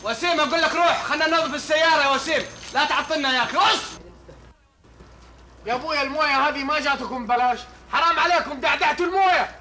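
An actor playing a hot-headed young man who shouts, whines and threatens revenge. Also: very high voice, very fast, long pauses, full character voice. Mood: complaining. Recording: echoey, noisy old TV audio.

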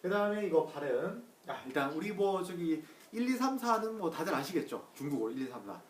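A man gives a casual pronunciation lesson, chatting with many fillers and slowly repeating each sound several times. His pitch swings a lot as he talks. He sounds a little far from the mic in an echoey room. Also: big pitch swings, slight background noise. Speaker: Chinese pronunciation teacher. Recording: roomy echo, voice a bit far from the mic.

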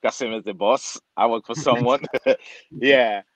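At a measured pace and medium pitch, this Nigerian barber chats through a story on a video call, using plenty of fillers and performing the other people's lines. The recording from his webcam is dry, with dull, lo-fi quality.

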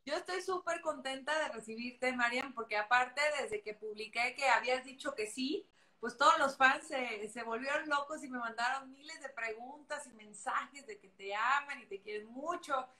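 A woman's voice: high-pitched, normal speed, bright, forceful tone, roomy sound. A woman from Mexico with a Mexican accent, hosting a casual live video chat, playful and enthusiastic, with Mexican slang. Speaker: host. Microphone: video call.

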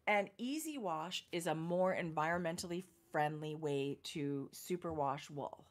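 A middle-aged woman chatting casually as a knitting podcast co-host, explaining her projects in detail with pauses and fillers. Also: sits low. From Canada. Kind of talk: casual chat.

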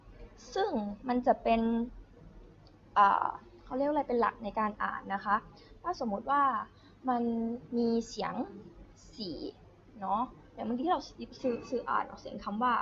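Woman, teacher, remote lesson, patient drilling of words, slightly high voice, dull lo-fi recording. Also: slight background noise. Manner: explains patiently, repeats and drills words aloud. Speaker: high school Chinese teacher.

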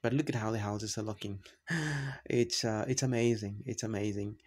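A man narrating a travel vlog, describing the view in a halting way, with many fillers and restarts. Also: on the low side, breathy edge. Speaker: travel vlogger.

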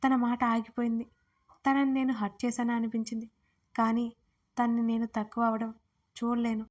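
A woman's voice: a little high, level tone, normal speed, darkish tone. A woman narrating a romance audiobook in the first person, telling it in a heartfelt, tearful way. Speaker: storyteller and writer.

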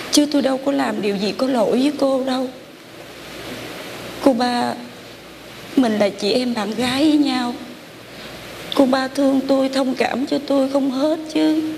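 Meek southern vietnamese young wife, soft pleading high voice, noisy stage recording. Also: female voice. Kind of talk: stage drama acting. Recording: stage recording with background noise.

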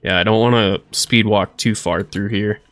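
With soft music in the background, a thirtysomething streamer gives casual commentary on a survival game, goofing around, talking to himself and doing playful voices. His lowish voice keeps a steady tone at normal speed and sounds fairly bright.

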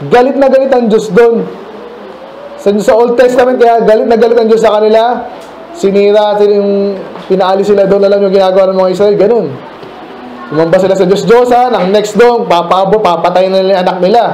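A man's voice: high voice, fairly even intonation, brisk, dark tone, roomy sound, slight background noise, low-quality recording. A Filipino man preaching a midweek Bible study sermon, talking conversationally and asking the congregation questions. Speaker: pastor. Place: church room.

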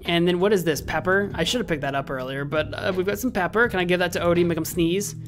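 A man's voice: sits high, quick pace, fairly bright tone. A man in his thirties giving casual, jokey video game commentary, thinking aloud and repeating himself into a close desk microphone. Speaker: gaming host. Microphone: desk microphone close to the mouth. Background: faint game music.

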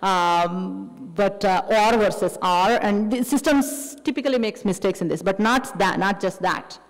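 A woman with an Indian accent gives a technical lecture at an ordinary middle pitch. She explains patiently, circling back with fillers and restarts. Her voice carries a long reverb, as in a big hall. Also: unhurried.

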